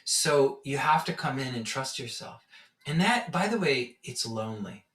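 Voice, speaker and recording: A man's voice: medium pitch, moderate pace. Man teaching in a roomy echo. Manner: animated storytelling, acts out his own reactions. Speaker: meditation teacher. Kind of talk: casual spiritual teaching talk. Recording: roomy echo, from far off the mic.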